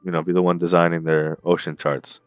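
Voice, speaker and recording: Podcast co-host, male, deep voice, dry close sound, animated storyteller. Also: a little fast, dry recording, muffled recording, faint music behind. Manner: animated storytelling, retells scenes with quoted lines. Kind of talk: casual chat.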